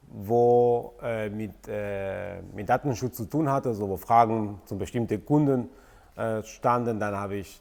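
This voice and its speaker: A man's voice: mid-range voice, a little mellow. Man talking in a reverberant room. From Argentina. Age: 40s. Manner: hesitant, many fillers and restarts. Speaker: company founder and channel host. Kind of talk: casual Q&A to camera.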